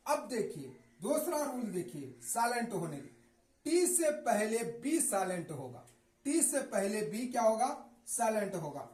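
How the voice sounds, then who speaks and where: A woman's voice: fairly high pitch, big pitch swings, unhurried, a little mellow, reverberant, rough recording. A woman teaching English pronunciation rules, repeatedly asking a question and answering it herself. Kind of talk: classroom-style lesson.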